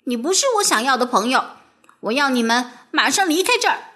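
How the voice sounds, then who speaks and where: Read by a woman, an earnest young girl from a children's storybook, high-voiced and swinging easily between eager and upset. Her lines bounce with a lively, singsong lilt, impulsive yet sincere at heart. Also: normal speed. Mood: angry.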